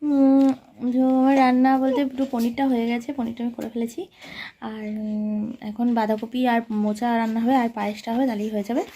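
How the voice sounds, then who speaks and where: A woman's voice: fairly high pitch, flat delivery, a little fast, warm tone. A young woman chatting casually to her viewers while vlogging her day at home, with lots of fillers. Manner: chatty, addresses viewers directly, many fillers. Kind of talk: casual vlog narration to viewers. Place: home, indoors. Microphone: phone camera held by the speaker.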